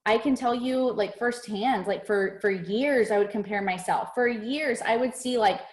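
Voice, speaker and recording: A woman's voice: fairly high pitch, normal speed, roomy sound. A woman hosting a casual chat, gushing and chatty, sprinkling her talk with "dude" and "like.". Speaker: host.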